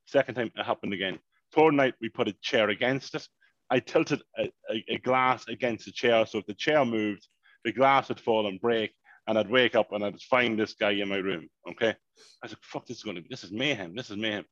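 A man, telling a long, animated story in casual podcast chat and swearing freely. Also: on the low side, normal speed, dry recording, dull audio. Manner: animated, swears freely, repeats "mayhem" and "unbelievable". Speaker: podcast co-host.

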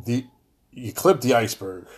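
A man's voice: medium pitch, animated, moderate pace, husky. A middle-aged man speaks frankly to his fans about hard times. His voice sits in an everyday middle register. He is blunt and heavy-hearted and swears freely as he talks. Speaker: show host talking to fans. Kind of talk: personal monologue to camera.

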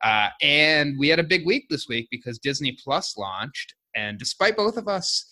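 Man, podcast host, casual chat, bright tone, rambling, fillers. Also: fairly high pitch, normal speed. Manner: relaxed, chatty, with fillers and restarts.

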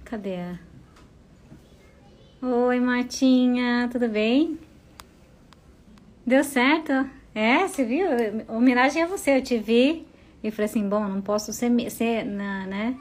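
A woman's voice: on the high side, slow, long pauses, darkish tone. A woman with a Brazilian accent hosting a casual live stream, chatty and effusive as she greets viewers by name. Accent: Brazilian Portuguese.

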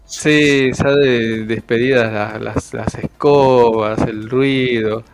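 Argentine male game master, colourful slangy narration, creaky gravelly tone. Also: mid-range voice, steady tone, slow, over music. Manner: vivid, slangy storytelling.

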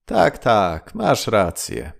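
A man's voice: on the low side, sing-song, takes it slowly, full character voice. A man voicing a poor fisherman's wife who speaks with bitter irony. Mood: mocking. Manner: ironic, scolding.

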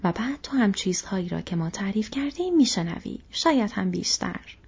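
A woman voicing a wary male village gatekeeper in a brisk, raised voice. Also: medium pitch, sing-song, vocal fry, a little mellow, breathy edge, exaggerated voice. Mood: gruff welcome. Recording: dull lo-fi recording.

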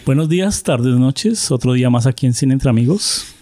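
A man's voice: mid-range voice, expressive, moderate pace, music in the background. A man from Colombia hosting a casual film discussion show and asking his guests curious questions. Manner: curious, asks many questions. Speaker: host. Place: living in the United States.

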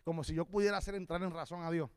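A man preaching a sermon as a visiting preacher, telling stories lively, acting out the dialogue and building to shouted peaks. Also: a little high, very fast, smooth.

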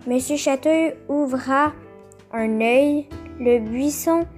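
Woman reading a kids picture book out loud, super slow, a bit high, faint music under it. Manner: slow, careful, explains the pictures. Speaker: storyteller. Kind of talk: reading a children's book aloud.

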